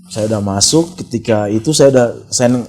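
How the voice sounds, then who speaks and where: Man from Papua, guest singer, animated storyteller, mid pitch, casual interview. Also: moderate pace, faint music behind. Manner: animated storyteller acting out quoted dialogue.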